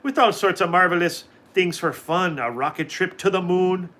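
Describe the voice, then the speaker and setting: A man reads a friendly cartoon mouse from a storybook, cheerful and polite. The tone is bright and slightly raised. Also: sits high, normal speed.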